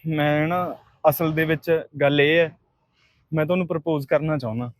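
A man plays a persistent young suitor who speaks in a slightly high, earnest voice with a Punjabi accent. He keeps apologizing and pleading. The sound is dry and close. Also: moderate pace, no echo, lightly acted. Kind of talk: short film acting.

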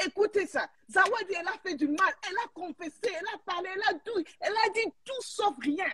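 A woman's voice: extremely high pitch, fast, bright, forceful tone, no echo. A Congolese woman in a heated live chat, speaking emphatically and indignantly, switching between languages. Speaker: live stream participant.

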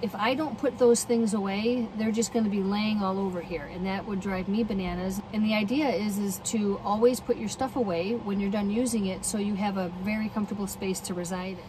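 A woman's voice: medium pitch, fairly quick, few pauses. A middle-aged woman chatting casually on her van camping vlog, upbeat and thinking aloud as she shows things around her parked minivan. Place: inside a parked minivan, heater running. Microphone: phone camera held or mounted close. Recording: steady heater noise behind.

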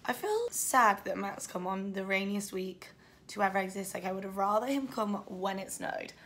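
A woman's voice: medium pitch, expressive, moderate pace, a bit bright, a little hiss or hum. A woman in her twenties with a Yorkshire accent, chatting casually to a handheld camera while out and about in a city, rambling and poking fun at herself. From Yorkshire, England. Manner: chatty, self-deprecating, rambling asides. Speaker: travel vlogger. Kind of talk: casual vlog chat to camera. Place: out and about in a city, indoors and outdoors. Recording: vlog with music behind.

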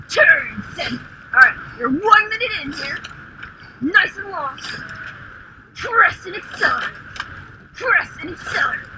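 A young woman coxswain in a rowing shell, calling clipped, rhythmic stroke commands through the boat speaker, building to urgent shouts on the power pushes. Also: very high-pitched. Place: outdoors on the water in a rowing shell. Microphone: coxswain headset mic. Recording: noisy outdoor coxswain headset recording.

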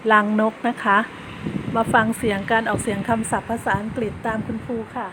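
A woman teaching kindergarten children in an online lesson. She coaxes them patiently and spells words out slowly, one letter at a time. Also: fairly high pitch. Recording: steady background noise.

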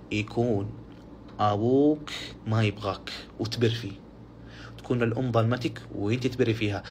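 A middle-aged man delivers a live-streamed sermon. His voice sits at an ordinary, mid-range pitch. He tells stories with rising passion and hammers points home by repeating words. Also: a little hiss or hum. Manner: impassioned, repeats words for emphasis. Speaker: preacher.

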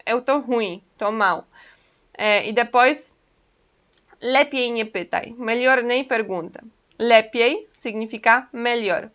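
Bright-voiced woman teaching a language. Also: a little high, takes it slowly. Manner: patient, explains step by step, often checks in with "ok?". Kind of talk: casual online language lesson. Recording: dull lo-fi recording.

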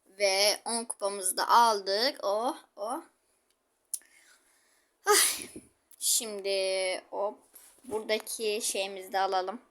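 A woman's voice: mid-range voice, slow pace, long pauses, a bit bright. A woman giving chatty gameplay commentary, exclaiming and talking to her viewers while she plays. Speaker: gaming channel host.

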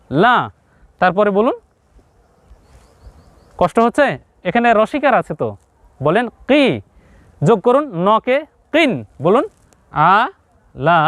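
A man's voice: sits high, no echo. A man with a Bangladeshi Bengali accent teaching Quran reading, sounding out syllables step by step and asking questions he then answers himself. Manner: drills syllables slowly, asks and answers his own questions. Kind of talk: step-by-step recitation lesson to viewers.

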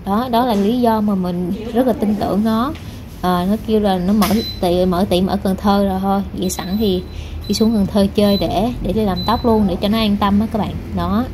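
A woman's voice: medium pitch, fairly even intonation, normal speed. Young woman vlogger, loose chatty delivery with constant fillers, recorded in a noisy salon. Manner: rambling, many fillers, addresses viewers directly. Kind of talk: casual vlog narration. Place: hair salon, indoors. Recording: noisy background.

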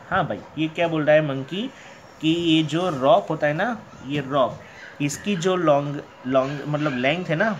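A male math teacher explaining a textbook lesson to young pupils, asking questions and answering them himself, and reading the textbook's English lines out slowly. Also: fairly high pitch, a bit bright, slight background noise. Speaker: primary school math teacher.

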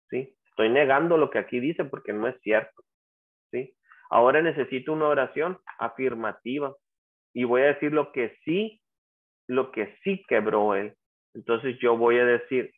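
Over a video call, a man teaches an English class online, explaining things patiently one step at a time and addressing students by name. His voice is mid-range at a normal pace, coming through thin, lo-fi call audio.

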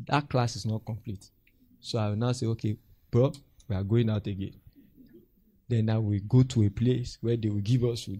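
A man's voice: lowish voice, no echo. A man, a pastor mentoring a group and telling stories with acted-out voices and frequent laughs. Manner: animated storytelling, acts out voices and laughs often.

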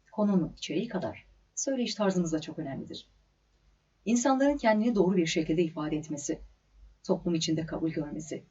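A breathy woman teaching a diction class in a measured, carefully articulated lecture. Her mellow voice rises and falls in lively, emphatic stresses. The recording sounds slightly dull and lo-fi. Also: fairly low pitch. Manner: clear, measured delivery with deliberate stresses and pauses. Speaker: diction instructor.

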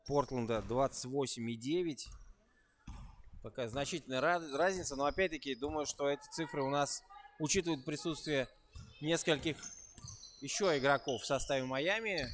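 A man giving live basketball play-by-play, calling each move with rising excitement and dropping into relaxed, chatty asides between plays. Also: medium pitch, slight background noise. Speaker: basketball commentator.

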